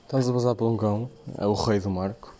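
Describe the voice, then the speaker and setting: A man's voice: on the low side, fairly even intonation, fast talker, warm tone. A young man with a European Portuguese accent chats casually and full of slang as a podcast co-host, recorded outdoors while walking. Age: young adult. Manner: slangy, peppered with filler words. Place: outdoors, walking along streets. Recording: noisy on-the-move ambient recording.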